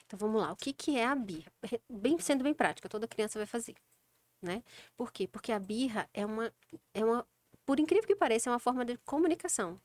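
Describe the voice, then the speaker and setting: In casual interview talk, this child sleep specialist with a Brazilian Portuguese accent speaks fast and expressively, her voice on the high side with a darkish tone. She keeps things practical and dramatizes ordinary situations with children, with no echo in the recording.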